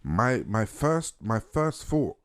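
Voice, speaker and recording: English guy on a podcast, lowish voice, wry and dry, starts sentences over a lot. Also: big pitch swings, slow pace, no echo. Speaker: podcast co-host. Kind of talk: casual uncensored chat.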